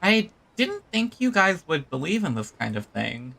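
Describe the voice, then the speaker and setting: A man's voice: sits high, sing-song, normal speed, vocal fry, sharp tone. A man streaming a game, giving casual live commentary as he plays. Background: game music.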